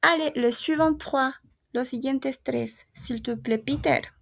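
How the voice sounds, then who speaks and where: Slow, gravelly-voiced woman teaching French. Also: high-pitched. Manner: patient, repeats and models each word slowly. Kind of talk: language lesson.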